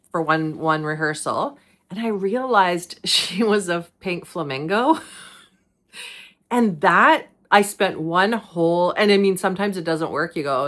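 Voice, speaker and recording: Middle-aged woman host, low voice, chatty and rambling, laughs often. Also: sharp tone. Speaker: podcast host. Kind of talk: casual monologue.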